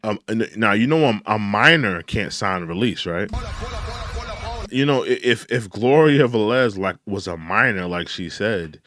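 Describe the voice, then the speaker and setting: This man in his thirties hosts a reaction commentary, speaking a little slowly in a fairly low, slightly bright voice with lively intonation and no echo. Incredulous, he circles back to the same points and addresses his target directly.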